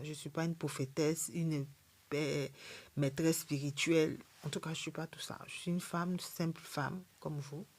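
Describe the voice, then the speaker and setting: A woman with a low, deep voice and an accent hosts a spiritual live stream. She speaks bluntly and defiantly. She keeps checking in with her viewers. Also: a little mellow. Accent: non-native French accent. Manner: blunt and defiant, repeats "ok?" to the audience. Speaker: spiritual livestream host.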